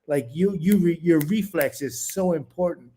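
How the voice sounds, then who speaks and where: A man's voice: fairly high pitch, moderate pace, warm tone. A man, a former boxer, co-hosting a boxing talk show, explaining at length with many restarts. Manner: rambling, restarts mid-sentence, explanatory. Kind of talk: casual boxing chat.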